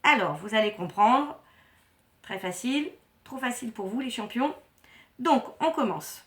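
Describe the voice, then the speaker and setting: A woman teacher giving a lesson to young children, encouraging them and pronouncing words slowly and clearly. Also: fairly high pitch, lively intonation. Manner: warm, encouraging, slow and clearly articulated; syllables stretched and repeated for children.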